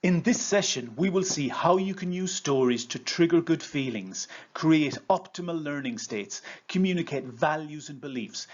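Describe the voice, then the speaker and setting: A man in his fifties with an Irish accent gives a prepared presentation as a coach, in a measured, rhetorical storyteller's delivery. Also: medium pitch. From Ireland. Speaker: coach and trainer. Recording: slightly dull lo-fi sound.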